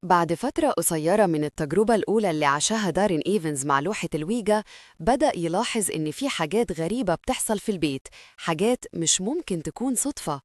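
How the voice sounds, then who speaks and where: A woman's voice: fairly low pitch, expressive, fast, no room sound, studio quality. A woman with an Egyptian Arabic accent narrating a scripted horror story in a dramatic storytelling manner.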